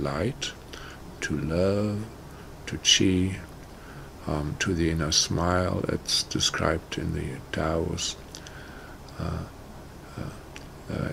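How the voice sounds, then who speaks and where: A man introducing a guided meditation in a casual, halting way, full of "you know" and "uh". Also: low-pitched, vocal fry, a bit bright, slight background noise. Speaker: meditation teacher. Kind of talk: casual spoken talk.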